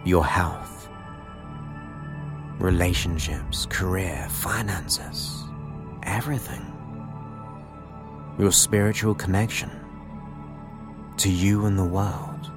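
A man leading a guided relaxation in a soothing, unhurried manner, leaving long pauses between short phrases. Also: deep voice, fairly even intonation. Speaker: guided meditation host. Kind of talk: guided relaxation hypnosis narration. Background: new-age music.

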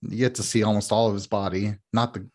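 Podcast co-host, man, low voice, blunt candid opinions, casual. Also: fairly even intonation, quick pace, a little mellow. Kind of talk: casual chat.

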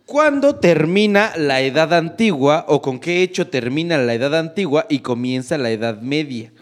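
A man's voice: fairly high pitch, expressive, moderate pace. A man with a Mexican accent co-hosting a podcast, teasing and laughing through casual quiz banter. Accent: Mexican Spanish. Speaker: podcast co-host.

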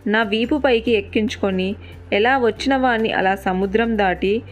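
A woman's voice: mid-range voice, moderate pace, faint music behind, natural voice. A woman narrator voicing a mighty, devoted male monkey hero, speaking in an earnest, reassuring way.

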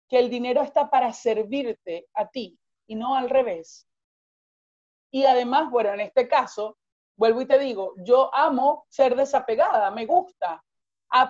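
A woman speaking as a guest life coach in a podcast conversation, explaining at length in an expansive, animated way with acted-out examples. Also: sits high, highs cut off.

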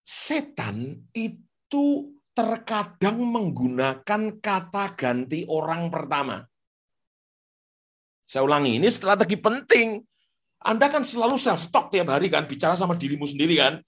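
A male pastor preaching a sermon on the radio in an animated way, repeating phrases for emphasis. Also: sits high, measured pace. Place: radio studio.

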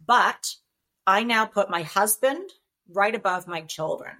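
A woman's voice: medium pitch, expressive, unhurried, bright, forceful tone. A woman divorce coach on a podcast, explaining in an earnest way and often checking in with "right?". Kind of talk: podcast interview.

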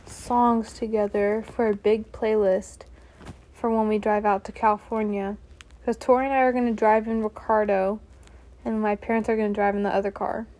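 Young woman, higher-pitched and unhurried, rambling casually as a scatterbrained solo podcast host. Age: young adult. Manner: scatterbrained, self-interrupting, apologetic. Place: bedroom at home.

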